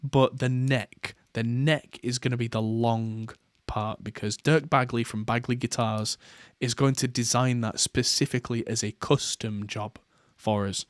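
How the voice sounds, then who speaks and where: A man's voice: mid-range voice, fairly even intonation, a little slow, hardly any pauses, no echo. Chatty man hosting a podcast. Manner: rambling, with many fillers and restarts. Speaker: podcast host. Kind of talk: casual chat.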